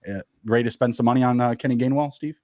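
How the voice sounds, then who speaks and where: A man talking fast and upbeat as a podcast co-host, moving briskly from one stat to the next. His voice is close and dry, with no room sound around it. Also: mid-range voice, steady tone, a little mellow, no room sound. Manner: quick, upbeat, stat-heavy talk with fillers. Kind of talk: fantasy football podcast chat.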